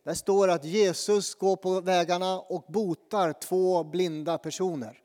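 A man's voice: sits high, steady tone, warm tone, in a large hall. A man preaching a sermon and praying, earnest and conversational, with fillers and restarts. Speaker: pastor. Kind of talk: sermon with prayer.

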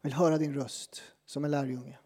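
A man preaching as a pastor, talking in a conversational, self-deprecating way with dramatic pauses. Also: mid-range voice, little pitch movement, mellow, slightly rough. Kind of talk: sermon. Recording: long reverb from a church hall.

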